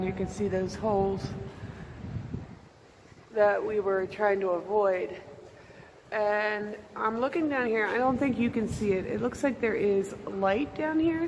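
Woman vlogger, casual and chatty, slightly high voice, long tunnel reverb, noisy camera audio. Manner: chatty, addresses viewers directly. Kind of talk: casual vlog narration. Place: abandoned tunnel, indoors.

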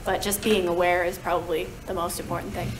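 A woman's voice: on the low side, flat delivery, fairly quick, noisy background. A woman answering a question on a conference panel, hesitant, with many filler sounds. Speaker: energy advisor on a conference panel. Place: large hotel conference room.

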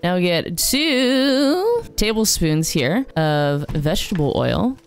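A young woman narrates instructions in a fairly low voice. She is informal and playful in her wording, walking through each step casually. Soft music plays behind her. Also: big pitch swings, takes it slowly. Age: young adult. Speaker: vlogger giving a recipe.

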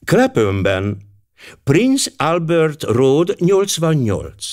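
A man voicing a fussy, talkative middle-aged housewife in an audiobook, raising his voice high for her. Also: huge pitch swings, a little mellow. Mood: indignant chatter. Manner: indignant, talkative.

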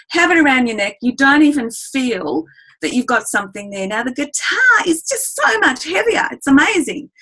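In a low-quality recording, a woman from Australia leads a ukulele webinar as a music educator. Her voice is a little high and a bit bright; she's enthusiastic and chatty, says "guys" to her listeners, and shows things on the ukulele while talking.

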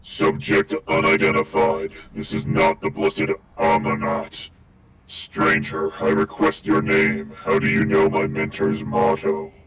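A man's voice: unhurried, roomy sound, rough recording. A man voicing a stern male tech-priest through a robot voice changer, formal and clipped as he demands answers. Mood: demanding.

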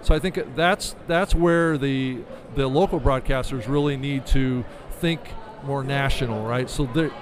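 A middle-aged man, guest in an interview and a podcast business manager, explains his points conversationally and keeps checking with "right?". His mid-range voice is a little slow with hardly any pauses, and a crowd murmurs in the background. He's recorded on a desk-stand studio mic at an indoor convention expo booth.

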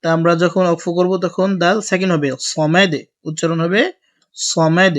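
A man's voice: a little high, flat delivery, a bit bright. Man teaching Quran letter by letter. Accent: Bangladeshi Bengali. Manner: slow, drawn-out recitation alternating with brisk explanation. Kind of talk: spelling-out Quran lesson.

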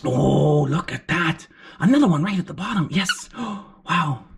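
A woman voicing an excitable, encouraging furry puppet as a kids show host, with gasps and exclamations while teaching children. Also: low-pitched, measured pace, full character voice. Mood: excited, encouraging. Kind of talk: children's lesson, sing-out praise and questions. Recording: clear background noise.

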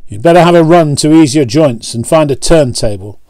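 A man voicing a stout, bossy railway director who talks gruffly. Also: on the high side, lively intonation, brisk, a little mellow, no echo, voice pushed up, close to an everyday voice. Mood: kindly. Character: stout grumpy older male railway director.

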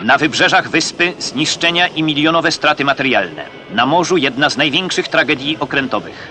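A man's voice: a little high, animated, moderate pace, pushed and bright, slight background noise. Man narrating an old 1960s newsreel. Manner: crisp, declamatory, occasionally wry. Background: music.

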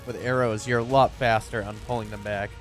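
A man casually commenting on his own gameplay, chatty and excitable, talking to his viewers and to the animals in the game. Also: lowish voice, brisk, soft background music. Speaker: gameplay streamer.

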